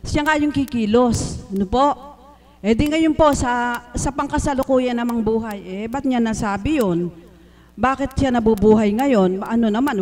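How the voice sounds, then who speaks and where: A man from the Philippines giving an earnest, emotional religious testimony, speaking politely and respectfully to a congregation. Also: very high-pitched. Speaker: church member giving testimony. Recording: live stream recording.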